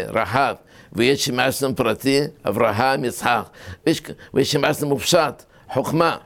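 A rabbi giving a Torah lesson. He explains things step by step, asks questions and answers them himself, tells anecdotes, and jumps up in pitch when he stresses a point. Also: creaky. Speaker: rabbi teaching a class.

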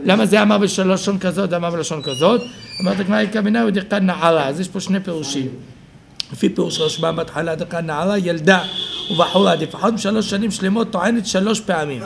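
A man's voice: high-pitched, creaky, background noise. A man teaching a Talmud study class, explaining the text aloud and thinking it through with self-corrections.

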